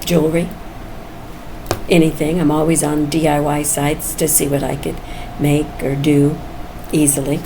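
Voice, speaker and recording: An almost seventy-year-old woman chats casually and candidly in her personal vlog, musing as she goes and chuckling often. Her voice sits low and level, a little slow and creaky, with long pauses. Background ambience is noisy.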